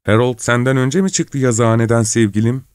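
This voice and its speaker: A doting, plump mother speaks sweetly and coaxes her husband and daughters, pitched clearly higher than the reader's own voice, as a man puts her on. The sound is dry and close, with no room around it. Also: a little fast, dry recording, close to an everyday voice. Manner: soothing, doting. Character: fond plump middle-aged mother.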